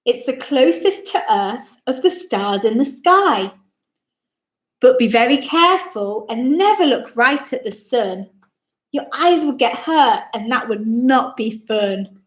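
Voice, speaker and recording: Addressing her young audience directly, this high-voiced woman performs a rhyming children's picture book with big, expressive shifts in tone, exclaiming along the way. She takes her time, and her very lively, theatrical reading echoes around the roomy indoor space.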